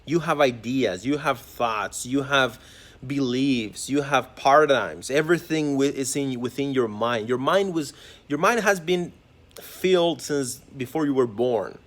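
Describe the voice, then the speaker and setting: An earnest man of mid-range pitch speaks in a reflective spiritual monologue. He muses aloud, circling back and restarting phrases as he goes. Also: unhurried, fairly bright tone. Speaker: holistic vlogger.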